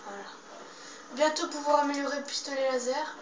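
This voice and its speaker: High-voiced female gamer, distant and noisy. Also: fairly even intonation, brisk, muffled recording. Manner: slangy, mild swearing, muttering to self. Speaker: gamer playing a zombie game. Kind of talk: casual gaming commentary. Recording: roomy, distant mic, loud background noise.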